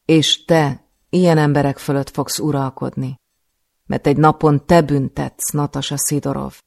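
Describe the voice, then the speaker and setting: A man's voice: a little high, little pitch movement, gravelly, a little mellow, dry recording, clean studio sound. A man reading as Olga, a cold stern woman. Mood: grimly encouraging. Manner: curt commanding orders. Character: stern, cold tall woman, a harsh caretaker.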